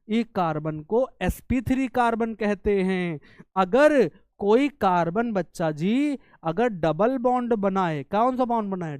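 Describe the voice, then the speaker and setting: Lively chemistry tutor. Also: male voice, high voice, clean tone, dry recording, studio quality. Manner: lively, scolding and coaxing, voices students' questions himself. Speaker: chemistry teacher. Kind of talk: exam-prep lesson.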